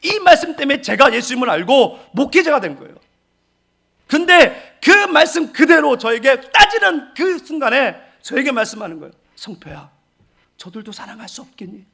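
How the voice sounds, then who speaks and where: Animated high-voiced Korean pastor preaching. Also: male voice, moderate pace, vocal fry. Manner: emotional storyteller, asks the audience questions. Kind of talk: sermon with personal testimony.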